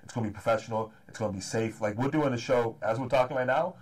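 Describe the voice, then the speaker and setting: A comedy and hip-hop promoter in his thirties, based in the Los Angeles area, chats casually as a guest, fast and full of energy, frequently ending phrases with "man." His voice is medium-pitched and husky.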